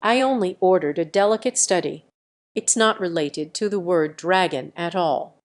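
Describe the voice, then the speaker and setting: A woman's voice: fairly low pitch, moderate pace, close to an everyday voice. A woman reading the lines of a weak, confused eighteen-year-old young man in an audio story, asking bewildered, pleading questions.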